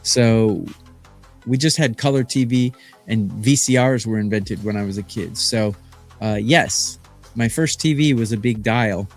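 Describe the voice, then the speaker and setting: Over faint music, a man speaks unhurriedly in a lowish voice. He's a Phoenix, Arizona sports betting handicapper in his fifties, rambling and bragging on a live stream with plenty of fillers.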